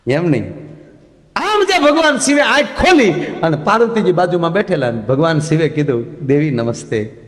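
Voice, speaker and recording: A man telling comic folk stories on stage, animated and acting out the people he quotes. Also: high-pitched, normal speed. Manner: animated, acts out quoted characters, laughs along. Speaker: folk comedy storyteller. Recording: echoey hall, long reverb.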